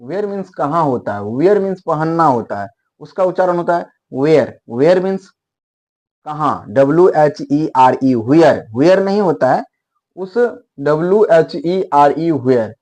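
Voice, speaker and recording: Slow, repetitive Hindi-speaking male teacher. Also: on the high side, a little mellow. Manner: slow, repetitive explaining, drilling pronunciations. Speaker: English teacher. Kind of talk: classroom grammar lesson.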